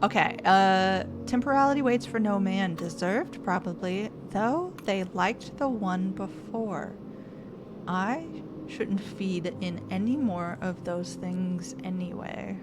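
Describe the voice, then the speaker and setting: A woman streamer plays a game in casual let's-play commentary, thinking aloud and reading the game's text to viewers. Her medium-pitched voice is slow, with background noise and game music behind her.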